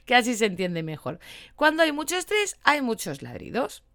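Animated woman dog trainer, dry sound. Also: on the high side, normal speed, no room sound. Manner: lively, animated, acts out short quoted lines. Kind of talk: casual educational talk.

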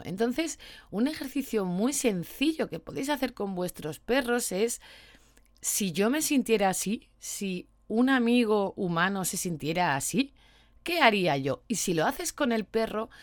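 A woman's voice: medium pitch, no room sound. A woman with a Spain Spanish accent, a dog trainer explaining her views to followers in an empathetic, persuasive way.

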